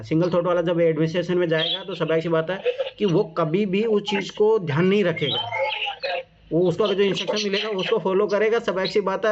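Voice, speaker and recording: Male coach, high-ish voice, repeats advice patiently; lo-fi recording with noise. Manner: repeats reminders, casual and encouraging. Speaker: exam coach reviewing answer copies. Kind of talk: informal coaching talk. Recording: muffled lo-fi sound with clear background noise.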